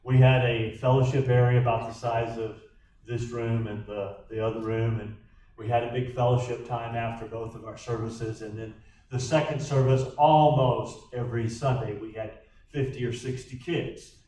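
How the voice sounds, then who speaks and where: A man, a pastor, teaching a bible study in a church room, slow and emphatic, acting out quoted lines. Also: mid-range voice, steady tone, mellow. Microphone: distant backup recording. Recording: echoey room from far off.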